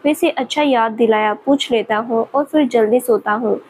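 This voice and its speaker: A woman's voice: on the high side, moderate pace, darkish tone, slight background noise, natural voice, low-quality recording. A woman voicing a playful, mischievous young male professor who teases and laughs at his student. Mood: teasing. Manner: teasing, laughing at her.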